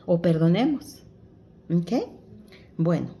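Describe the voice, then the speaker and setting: Gravelly low-voiced woman preaching. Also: lively intonation, takes it slowly. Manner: exhorting, addresses listeners as dear ones; gentle diminutives, simple conversational preaching. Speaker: Bible study teacher. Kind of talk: devotional Bible explanation.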